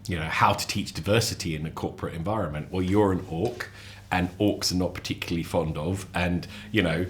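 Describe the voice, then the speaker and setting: Deep-voiced man, halting animated chat. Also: slight background noise. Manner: animated storyteller, acts out quotes with sudden high voices; halting restarts, repeats words. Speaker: podcast guest; lecturer. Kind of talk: casual chat.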